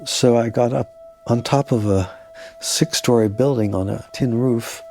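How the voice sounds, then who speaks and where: A middle-aged man telling his own life story in a reflective, halting way, with restarts. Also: mid-range voice, a little mellow, soft background music. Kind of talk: personal storytelling.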